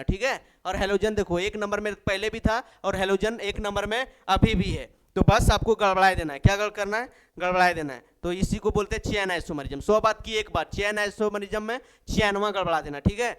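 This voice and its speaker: A man's voice: sits high, a bit bright, clean tone. A male chemistry teacher with a Bihari accent gives a playful lesson. He jokes, repeats key phrases and fondly addresses his students.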